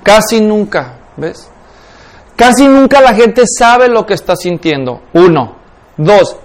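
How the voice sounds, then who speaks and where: A man teaching a class in a lecture on spiritual life, constantly questioning his students. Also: high-pitched. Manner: keeps asking the class questions.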